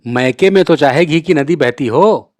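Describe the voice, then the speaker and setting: A man's voice: fairly high pitch, unhurried, a little mellow, no echo, studio quality, close to an everyday voice. Man voicing a hot-tempered, rude young villager. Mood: angry. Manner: gruff and taunting.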